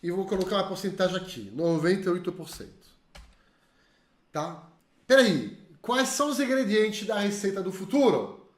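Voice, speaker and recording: Guy teaching a lesson, high voice, echoey room, repeats stuff slow. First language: French. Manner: lively, drills learners to repeat after him; spells out sounds slowly and carefully. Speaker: French teacher. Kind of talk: online language lesson.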